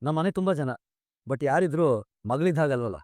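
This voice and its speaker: A man's voice: on the high side, normal speed, a little mellow, no room sound, clean studio sound, lightly acted. An actor playing a middle-aged father who is earnest and tender with his daughter, in a TV serial. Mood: probing. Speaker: father of the bride. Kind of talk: TV serial acting.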